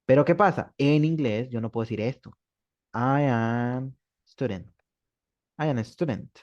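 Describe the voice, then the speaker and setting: A man teaching a beginner English class, explaining patiently and repeating examples slowly. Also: mid-range voice, a little mellow. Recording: dull lo-fi sound.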